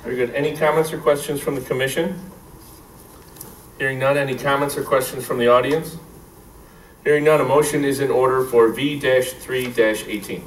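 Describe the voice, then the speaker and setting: A man's voice: mid-range voice, steady tone, normal speed, distant mic. A man chairing a public meeting, moving through formal procedure. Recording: echoey room, off-mic, faint noise.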